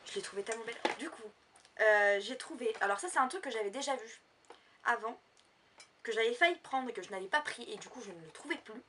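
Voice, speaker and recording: A chatty woman talks through her haul in a loose, rambling way, full of fillers. Her voice sits a little high, and she is a bit far from the mic. Faint room noise hums behind her. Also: expressive, quick pace, a bit bright. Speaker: vlogger. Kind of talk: casual haul vlog.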